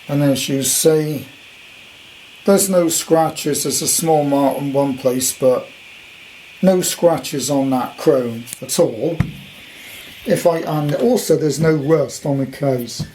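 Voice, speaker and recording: Recorded with clear noise at home, this man walks through his latest vintage radio purchase as a collector, keeping things hands-on, rambling, and informal with playful wordplay. His voice is fairly high in pitch and mellow.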